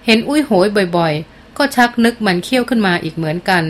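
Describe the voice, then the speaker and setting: A woman's voice: mid-range voice, animated, fairly quick, close to an everyday voice. A woman reading as a chatty, wry aunt. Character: easygoing single aunt, fond of dogs.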